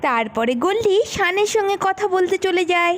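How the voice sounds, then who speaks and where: A woman narrating a doll cartoon story, talking lively to her viewers. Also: very high-pitched, a little fast. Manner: lively, addressing friends.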